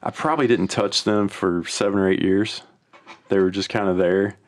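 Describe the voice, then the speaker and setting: Chill guy on a podcast, kinda low voice, rambles n restarts a lot. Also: moderate pace. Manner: rambling and relaxed, with frequent restarts. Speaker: podcast guest, home-recording musician. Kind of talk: casual chat.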